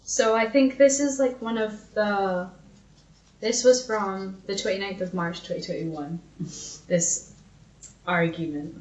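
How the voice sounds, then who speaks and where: A woman co-hosting a podcast speaks slowly with long pauses in a medium-pitched, darkish voice. She chats casually and dramatically reads old messages from past arguments, swearing and mocking herself. The recording sounds dull, echoey and far from the mic.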